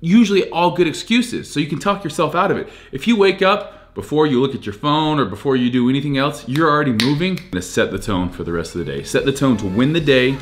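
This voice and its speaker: A man's voice: medium pitch, fast talker, hardly any pauses. Fitness vlogger, 30s male, punchy and repetitive, filmed close in a small room. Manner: energetic, emphatic, repeats key phrases. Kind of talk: casual motivational talk to camera.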